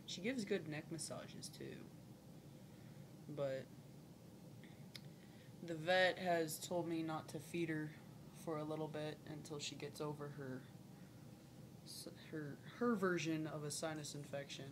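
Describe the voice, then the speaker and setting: Young woman, low voice, slow rambling delivery, casual pet vlog, slightly noisy webcam recording. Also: steady tone. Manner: rambling, breaking off to coo at her pet. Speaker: pet snake owner vlogging. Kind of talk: casual vlog chat to camera. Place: small lamp-lit room at home. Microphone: webcam or laptop mic at arm's length. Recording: noisy home webcam audio.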